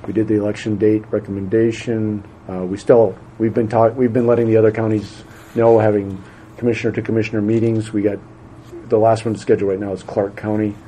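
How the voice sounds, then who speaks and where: Low-voiced man chairing a meeting. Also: level tone, dark tone, slight background noise, poor audio. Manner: halting, many fillers and restarts. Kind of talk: casual meeting talk.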